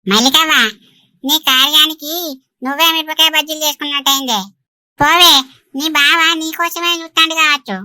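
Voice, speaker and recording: A woman doing a sharp-tongued, teasing village aunt. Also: sits high, fairly even intonation, a little fast, dry recording, studio quality. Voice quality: bright, scolding. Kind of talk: Telugu cartoon dubbing.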